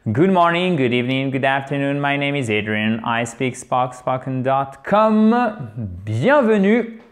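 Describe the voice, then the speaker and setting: A man teaching English pronunciation in French, his native tongue, with animated, exaggerated drills. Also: mid-range voice, unhurried. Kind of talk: video lesson in French.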